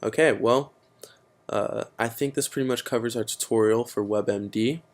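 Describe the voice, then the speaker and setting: Here a teenage boy gives a relaxed computer tutorial recorded from his screen, peppering his step-by-step explanations with fillers. His voice is medium in pitch and moves at a moderate pace.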